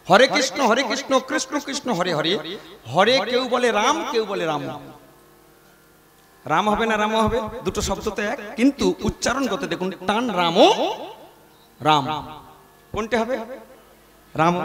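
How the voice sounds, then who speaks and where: High-voiced kirtan preacher. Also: male voice. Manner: lively, teaching with questions and answers, chuckling. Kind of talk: devotional chanting and sermon. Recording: live chanting with loud music behind.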